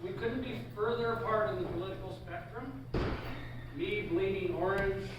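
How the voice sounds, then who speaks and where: A man's voice: high-pitched, moderate pace, highs cut off. An older man from British Columbia giving a roast speech, joking dryly about himself and an old school friend. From Canada, British Columbia. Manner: dry, self-mocking humor. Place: event hall. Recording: echoey hall, far mic, loud background noise.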